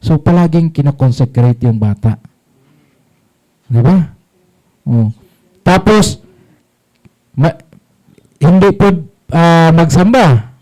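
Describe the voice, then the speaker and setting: Slow priest quizzing his flock. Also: a little high, animated, dark tone, poor audio. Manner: rhetorical questions, short call-and-response phrases. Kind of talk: catechism talk to a congregation.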